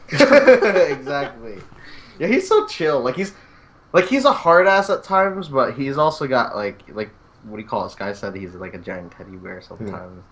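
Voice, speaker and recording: A man's voice: medium pitch, expressive, normal speed, fairly bright tone, slight background noise. A man casually chatting about a TV episode with friends, laughing often and trailing off mid-thought. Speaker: podcast co-host. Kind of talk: casual TV recap chat.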